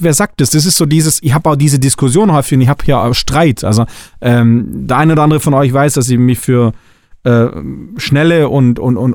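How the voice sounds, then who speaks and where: A man's voice: mid-range voice, a little mellow, no echo, studio quality. A middle-aged man from Swabia hosting a coaching podcast, talking bluntly and emphatically, hammering his points home. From Swabia, Germany. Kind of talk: spiritual coaching podcast monologue.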